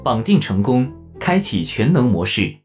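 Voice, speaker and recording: Female narrator as a low, clipped robot assistant in an audio drama, over light music. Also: very animated, measured pace, a little mellow, exaggerated voice. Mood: mechanical. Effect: robotic machine voice.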